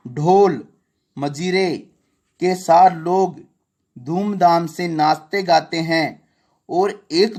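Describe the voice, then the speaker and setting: A man's voice: a little high, a little mellow. A male primary school teacher explaining a poem line by line, correcting himself as he goes. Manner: reads poem lines slowly and melodiously, then explains in plain words.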